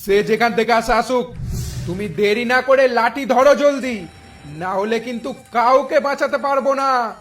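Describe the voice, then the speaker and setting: A man's voice: extremely high pitch, measured pace, a bit bright, faint music behind. A man voicing a frightened villager in a cartoon, talking urgently. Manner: urgent, alarmed.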